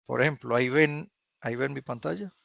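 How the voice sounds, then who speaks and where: Gravelly teacher on a video call. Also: male voice, medium pitch, fairly bright tone, dry recording. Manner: patient, repeats phrases slowly for drilling. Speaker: English teacher. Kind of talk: online class teaching.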